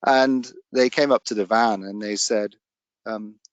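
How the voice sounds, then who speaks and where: A man with a lowish voice tells travel stories in an earnest, reflective way. His voice comes through a video call and sounds dry, with no room around it. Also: steady tone, measured pace, dry recording, muffled recording. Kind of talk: casual chat.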